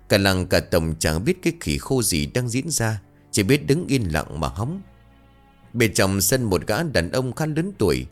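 A man narrating a village folk tale in a lively, colloquial storytelling manner. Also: on the low side.

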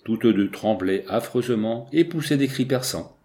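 A man narrating a first-person story as an audiobook reader, measured with lively emphasis. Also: medium pitch.

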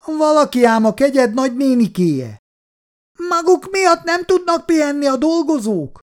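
A man putting on a shrill, scolding neighbor woman. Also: big pitch swings. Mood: angry. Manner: sharp, scolding. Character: shrill, quarrelsome female neighbor.

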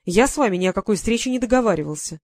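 A man's voice: sits high, animated, very fast, no echo, studio quality. A reader voicing a stern, commanding English lord who questions an intruder in his room. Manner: stern, interrogating.

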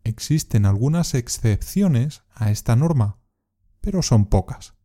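A man giving a scripted pronunciation lesson, speaking in measured phrases and pausing so learners can repeat. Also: medium pitch, expressive, mellow. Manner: measured, pauses for repetition. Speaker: Spanish teacher.

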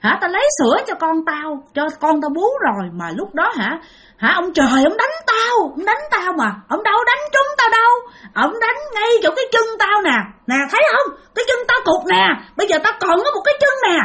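Shrill, taunting one-legged ghost mother in a spoken ghost story, wailing high and swooping. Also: sing-song, fairly quick, bright, forceful tone, heavily acted.

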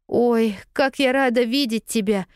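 A woman's voice: fairly high pitch, unhurried, a little mellow, clean tone, dry recording, studio quality, voice pushed up, close to an everyday voice. A woman voicing a lost young girl who is tearful yet stubbornly cheerful, talking in an eager, pleading way. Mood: eager relief.

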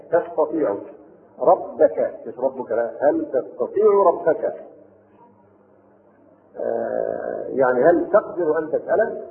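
A man with an Egyptian accent teaching a Quran commentary lesson, reading classical text and explaining it in colloquial asides, on a tinny old recording. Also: fairly high pitch. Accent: Egyptian Arabic. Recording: tinny lo-fi lecture tape.

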